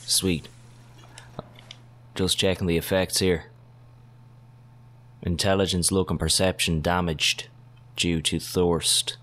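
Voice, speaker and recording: Man, gaming commentary, very low voice, unhurried delivery, constant swearing, excitable outbursts. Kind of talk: casual let's-play commentary.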